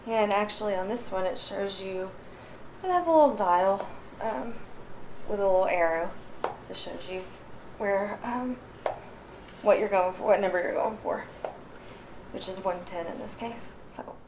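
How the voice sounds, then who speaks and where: A woman's voice: medium pitch, background noise. Winded woman chatting through a how-to. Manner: chatty, many ums, pauses while pumping. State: out of breath. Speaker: vlogger. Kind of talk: casual how-to demonstration.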